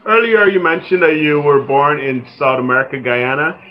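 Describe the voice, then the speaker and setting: A man's voice: on the high side, normal speed. Male interview host, courteous, affirming, slightly muffled lo-fi recording. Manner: polite, encouraging, brief affirmations. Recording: dull, lo-fi sound.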